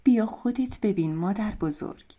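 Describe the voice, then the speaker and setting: A woman's voice: mid-range voice, lively intonation, dark tone, natural voice. A woman reading the lines of a meek, polite young girl in an audiobook of a fairy tale, speaking in a hesitant way. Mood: timid.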